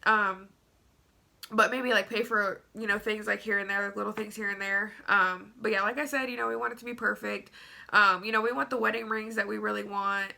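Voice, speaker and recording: A woman's voice: mid-range voice, level tone, fairly quick, gravelly, bright, forceful tone. A young woman with a stuffy nose telling a story to her vlog audience, chatty and rambling with lots of fillers. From Tennessee. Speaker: vlogger. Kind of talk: casual story-time vlog.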